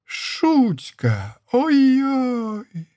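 A man's voice: very high-pitched, wildly swooping pitch, drawn-out words, mellow, no echo, studio quality, pitched above the performer's own voice, heavily acted. A man voicing an old peasant woman, a furious mother-in-law who speaks with a lisp and rustic dialect. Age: older. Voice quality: lisping, village dialect speech.

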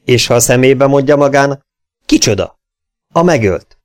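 A man's voice: medium pitch, no room sound, voice pushed up, close to an everyday voice. A smug young legionnaire who teases his foe with cool, sly mockery, as a male reader puts him on. The voice sits well above the reader's own and comes across dry and close, with no room around it. It reads like a dramatic storybook scene. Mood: mocking. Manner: smug, teasing, calm. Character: mocking cocky male legionnaire trickster.

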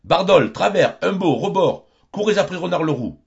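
A man voicing a gruff peasant farmer who shouts orders, in a dull lo-fi audiobook recording. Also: low voice, very animated, normal speed. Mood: bellowing. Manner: bellowing orders.

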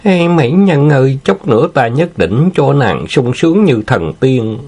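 A man's voice: mid-range voice, sing-song, measured pace, a little mellow, slightly rough, pitched above the performer's own voice, heavily acted. A man voicing a lecherous young male villain in an audiobook, leering, boastful and sweet-talking.

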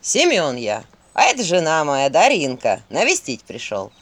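A cunning male devil dressed in a peasant's skin, loud and smug with a folksy drawl, as a woman narrator puts him on. The voice is pushed lower and swings widely in pitch. It suits a dark folk tale. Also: huge pitch swings, moderate pace, exaggerated voice. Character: cunning devil posing as a village man.

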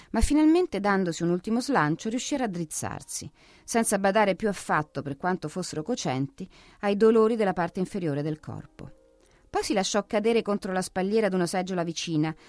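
A woman narrating a classic novel as an audiobook in a steady, expressive reading. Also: lowish voice, dry recording.

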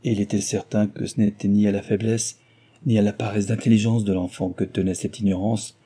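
Dark, husky male audiobook narrator. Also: on the low side. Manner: steady and measured. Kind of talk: scripted narration of a novel.

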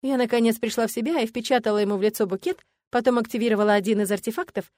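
A woman's voice: on the high side, steady tone, racing, a little mellow, dry recording. A woman narrating a first-person fantasy audiobook on a close studio mic.

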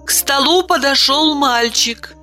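Bright female narrator for a storybook; slow, animated delivery. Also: high-pitched, soft background music.

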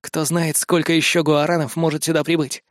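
A man voicing a calm, steady male soldier who speaks quietly and firmly in a storybook reading. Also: fairly high pitch, a little fast, dry recording, studio quality, lightly acted. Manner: firm, quiet.

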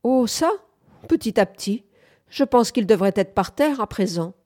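A woman's voice: on the high side, animated, normal speed, a little mellow, pitched above the performer's own voice. A woman voicing a dreamy young farm woman who answers absently and nonchalantly.

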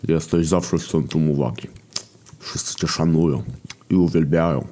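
A man voicing Hunger, a bitter male horseman spirit who speaks in a mocking, accusing, drawn-out way. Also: rumbling low, steady tone, warm tone.

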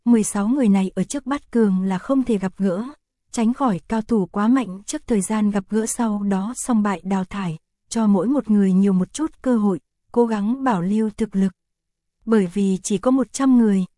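A woman reading a fantasy novel aloud as an audiobook narrator, in a steady, even storytelling style. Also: medium pitch, no echo, studio quality. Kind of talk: scripted narration.

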